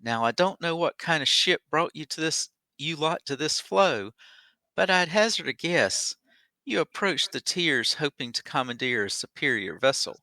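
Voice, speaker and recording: A man voicing the gruff ghost of an old sea captain in salty sailor talk for a tabletop game. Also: a little high, expressive, moderate pace, sharp tone, no room sound, voice pushed up. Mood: hearty, bargaining. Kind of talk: tabletop role-play.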